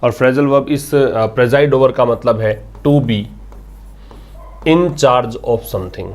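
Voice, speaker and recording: A man's voice: medium pitch, slow pace. A man teaching English vocabulary, patiently explaining words and repeating them, asking questions and answering them himself. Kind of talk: vocabulary lesson explaining a newspaper article.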